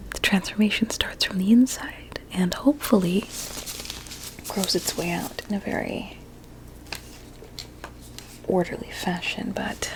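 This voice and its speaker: In a low-quality recording, a woman with a lowish voice whispers softly and breathily as a vain, sinister blueberry doctor in an ASMR medical roleplay. Her tone is soothing yet menacing, coldly sinister throughout.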